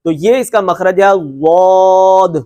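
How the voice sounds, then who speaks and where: A man teaching Quran recitation in a lecture, patiently repeating points and stretching out letter sounds to demonstrate them, with a reassuring tone. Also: high-pitched. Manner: reassuring and encouraging. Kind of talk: classroom lecture with slides.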